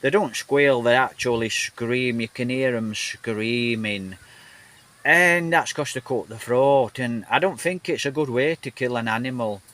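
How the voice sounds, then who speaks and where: Northern English bloke, mid-pitched, loose chatty vlog delivery into a handheld phone. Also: male voice, a little slow, fairly bright tone. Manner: rambling, repeats himself, many "you know" fillers. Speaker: vlogger. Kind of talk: casual rambling vlog chat. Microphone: phone held in hand, then on a gimbal.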